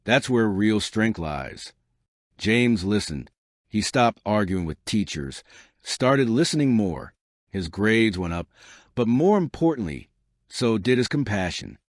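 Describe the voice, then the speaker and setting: A man reading a scripted bedtime story as a measured, wise storyteller with dramatic pauses. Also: on the low side, big pitch swings, no room sound, studio quality.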